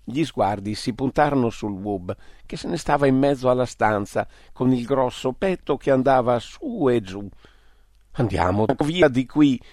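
A man's voice: mid-range voice, animated, normal speed, a little mellow, dry recording. Man narrating an audiobook, close and dry.

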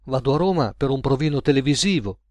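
A man's voice: mid-range voice, quick pace, darkish tone, dry recording, natural voice. A man voicing a shy, earnest middle-aged worker in a storybook reading. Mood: blurting.

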